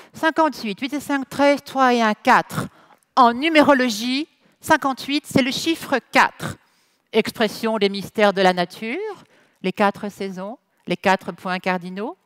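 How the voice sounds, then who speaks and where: A woman's voice: high-pitched, no echo. A woman with a French accent hosting a festival opening ceremony on stage, joking playfully and switching between French and English. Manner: playful, teasing, deliberate delivery. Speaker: ceremony host. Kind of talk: bilingual ceremony hosting with jokes. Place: festival stage before an audience.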